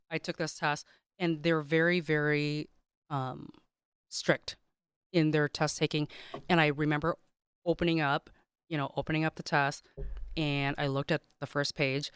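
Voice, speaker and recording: A woman and guest on a podcast, telling a personal story in an animated way with many fillers and restarts. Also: low voice, clear, resonant tone, no echo, studio quality. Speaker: guest, caterer.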